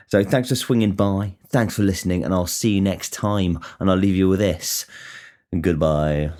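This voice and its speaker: A man's voice: sits low, a little mellow. An English man hosting a podcast, talking in a casual, rambling and blunt way, swearing freely, poking fun at himself and often stumbling and restarting. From England. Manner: blunt, sweary and self-deprecating, with frequent stutters and restarts. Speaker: podcast host.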